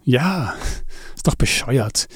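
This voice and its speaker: A man's voice: mid-range voice, lively intonation, takes it slowly, slightly rough, dry recording, clean studio sound. A man voicing Andi, a troubled, brooding adult man, in an audiobook. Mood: worried.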